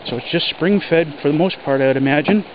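Homesteader man, plain talk, winded from hiking, lo-fi wearable-camera audio over loud running water. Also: on the high side. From Alaska. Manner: plain-spoken, breathy from hiking over rough ground. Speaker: homesteader vlogger. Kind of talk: casual walking narration. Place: outdoors in woods by a creek. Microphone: body-worn action camera. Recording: dull lo-fi camera audio, loud creek noise. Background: rushing creek water.

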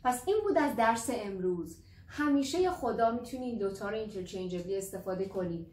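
A woman teaching English in a lesson, with a Persian accent, explaining quickly and then stretching out slow English example sentences. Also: medium pitch, lively intonation, darkish tone. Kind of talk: language lesson. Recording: roomy echo.

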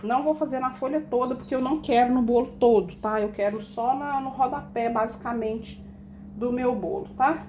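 A woman's voice: on the high side, normal speed, darkish tone, a little hiss or hum. A woman chatting to her viewers while decorating a cake in her home kitchen, explaining each step. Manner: chatty, addresses viewers as "gente". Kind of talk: casual baking tutorial.

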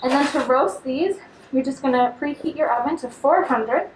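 Working with food as she talks, a young woman leads an upbeat, instructive cooking demo in a big indoor studio kitchen. Her voice is high and her pace moderate; the recording carries background noise, kitchen echo, and a somewhat distant mic.

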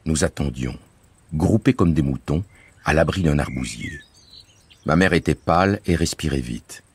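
A man reading a novel aloud as a radio serial, in measured, expressive storytelling. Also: a bass voice, husky. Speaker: reader.

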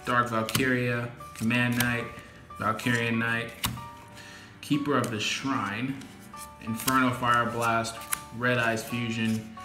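A man's voice: mid-range voice, level tone, slow, long pauses. A man doing a casual unboxing vlog, listing off names and adding apologetic asides, recorded with an echoey room sound. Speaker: YouTuber unboxing trading cards. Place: indoor home room with echo. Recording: echoey room with music behind.

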